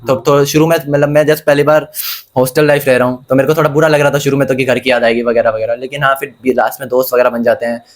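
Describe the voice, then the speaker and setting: A young man talks quickly and in a rambling way. His voice sits at a middling pitch, and he often corrects himself in the middle of a sentence. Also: fairly even intonation. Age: young adult. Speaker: medical student guest. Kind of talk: casual interview chat.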